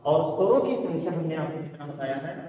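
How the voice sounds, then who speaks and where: A man's voice: on the high side, lively intonation, a little fast, lo-fi sound. A male teacher giving a classroom lecture, asking questions and answering them himself, repeating key words in a sing-song way. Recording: echoey room from far off.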